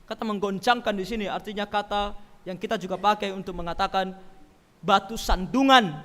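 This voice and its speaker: High bright-voiced emphatic preacher. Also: male voice, fairly quick, big-room sound. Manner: emphatic, swings from loud stresses to quiet asides. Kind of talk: sermon. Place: church.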